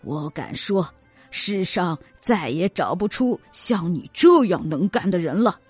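A woman's voice: fairly low pitch, lively intonation, unhurried, darkish tone, slightly rough, no room sound, soft background music, pitched below the performer's own voice. A woman voicing a fatherly old emperor in a storybook reading, stately and fond. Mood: admiring.

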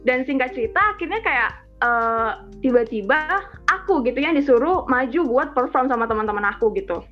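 A teenage girl gives a church testimony, telling her story casually, earnestly, and chattily, full of filler tags. Her high voice is fairly quick with lively intonation, and the audio is muffled and lo-fi with faint music.

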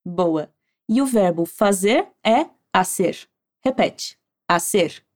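With a mid-range, expressive, slightly mellow voice, a Brazilian Portuguese-accented woman teaches Spanish. She gives clear, supportive guidance and slowly demonstrates phrases for listeners to repeat.

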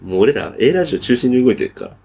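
A young man co-hosting a casual chat, reacting playfully and quickly and often breaking into laughter. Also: medium pitch, sing-song, vocal fry, warm tone. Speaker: podcast co-host.

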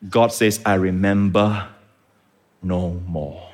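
A man preaching a sermon, teaching calmly and then rising to impassioned shouts. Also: sits low, slow pace, heavy background noise. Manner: teaching, explains Greek words. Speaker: pastor.

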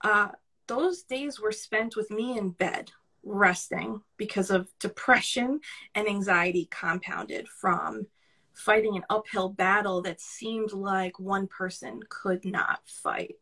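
A woman with a strong New York accent, talking in a bright, crisp voice. She is candid and chatty, laughing easily and dropping the odd swear word in a relaxed interview. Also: mid-range voice, takes it slowly. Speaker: podcast guest, career coach. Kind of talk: casual conversational interview.

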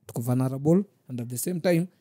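A man's voice: mid-range voice, fast talker, dark tone, breathy edge, no room sound, clean studio sound. A young man with a Kenyan accent chatting casually in street slang and telling stories to friends. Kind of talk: casual group discussion and storytelling.

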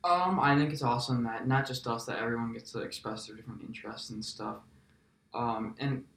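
A man's voice: mid-range voice, steady tone, brisk, creaky, a bit bright. A teenage man with an American accent, a student podcaster answering questions casually. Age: teens. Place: indoor school podcast studio. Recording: roomy, reverberant room sound.

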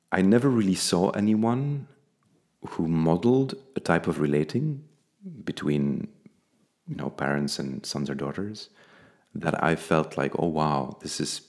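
A man's voice: rumbling low, darkish tone. A man from Belgium, speaking candidly and thoughtfully as an interview guest. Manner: thoughtful, candid, slow and measured. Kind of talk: reflective personal interview.

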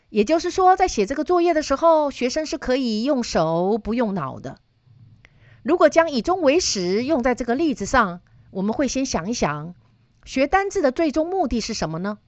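A woman's voice: fairly high pitch, no room sound, muffled recording. A middle-aged woman teaching data analysis, explaining ideas through personal stories and putting questions to her listeners. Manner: storytelling, asks listeners questions.

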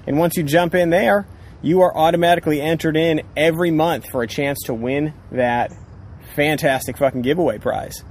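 A man's voice: a little high, normal speed, a little mellow. A man co-hosting a casual podcast outdoors, with profane, informal, upbeat banter and sponsor plugs. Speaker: podcast co-host. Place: outdoors on a ranch. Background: music.

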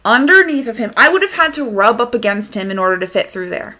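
Bright-voiced, indignant woman. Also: on the high side, quick pace. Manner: animated, indignant, swears freely. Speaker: podcast host. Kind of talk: casual storytelling monologue.

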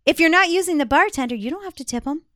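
A woman's voice: high-pitched, animated, fast, a bit bright, no echo, clean studio sound. A woman hosting a podcast in casual, blunt chat, swearing freely and laughing often. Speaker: podcast host.

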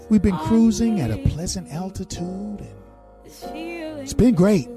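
A radio host voicing an airline pilot who gives a calm, deadpan cabin announcement from the cockpit. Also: male voice, medium pitch, voice pushed down. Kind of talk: comic radio bit.

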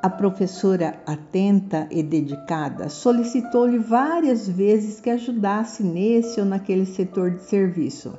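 Brazilian woman, children's storytelling, deliberate delivery, dark warm timbre, light music behind. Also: mid-range voice. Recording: muffled lo-fi recording, music behind.

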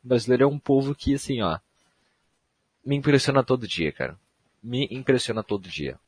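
A man's voice: medium pitch, animated, fairly quick, slightly rough, no echo. A young man from Brazil, hosting a solo podcast in a rambling, slangy, self-mocking way. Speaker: podcast host. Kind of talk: casual solo podcast monologue.

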